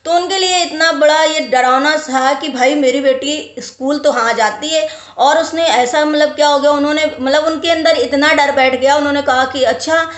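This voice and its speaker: In a roomy, echoey recording, a woman vlogger with a high-pitched voice chats casually with her viewers at a moderate pace. She gives advice, driving her points home with emphatic repetition.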